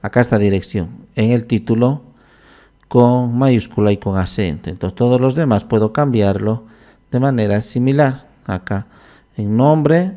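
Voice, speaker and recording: A man walking through a computer program in a screen-recorded tutorial, talking his steps aloud in an unhurried way and often pausing on "entonces". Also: on the low side, dark tone. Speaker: software instructor.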